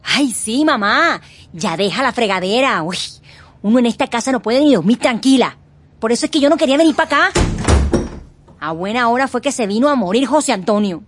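An actress playing a sulky grown daughter who complains in a whiny, sarcastic way. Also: female voice, on the high side, lively intonation, fairly quick, a little hiss or hum, lightly acted. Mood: grumbling. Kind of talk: dramatic comic acting.

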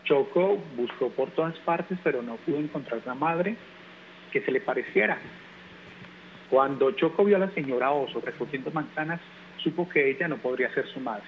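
A man, a teacher, calmly reading a children's story aloud, with some hesitation when he speaks off the page. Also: medium pitch, normal speed, narrow, tinny audio, a little hiss or hum.

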